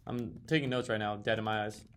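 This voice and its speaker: A man's voice: fairly low pitch, steady tone, brisk, fairly bright tone, a little hiss or hum. A man giving a casual, mock-serious rant as a league commentator, sarcastic and swearing, with sudden exasperated outbursts. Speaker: fantasy football league commentator.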